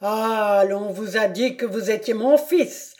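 Woman doing an enraged noble count, booming accusations, slow heavy delivery, storybook reading. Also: lightly acted. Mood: furious. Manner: thundering, shouting accusations. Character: furious proud aristocratic count, a middle-aged father.

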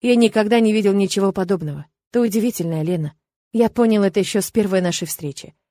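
A self-assured young emperor teases his bride in a lively, wry voice, as a woman reads him. His lines sit at an ordinary pitch for the reader. The recording is dry and close. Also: fast, no echo, natural voice. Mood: assured, teasing. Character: confident teasing male emperor, young adult.

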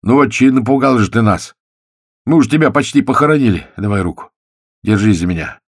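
A man playing a gruff, terse young rescuer. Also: fairly low pitch, animated, brisk, dry recording, clean studio sound, voice pushed up.

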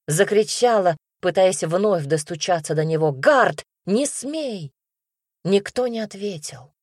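A woman reading a first-person fantasy audiobook in a steady, expressive way. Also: deep voice, no echo, studio quality. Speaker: audiobook narrator.

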